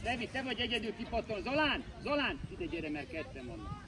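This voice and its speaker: A man coaching a youth football match, shouting urgent, commanding instructions from the sideline and repeating names and orders. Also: high-pitched, very animated, a crowd in the background. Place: outdoor football pitch.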